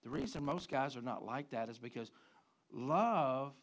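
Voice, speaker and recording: A man preaching a sermon, swinging from loud emphatic rises to quiet low drops. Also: animated, measured pace. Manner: preaching with sudden loud rises and soft drops, mimicking guys. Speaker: pastor.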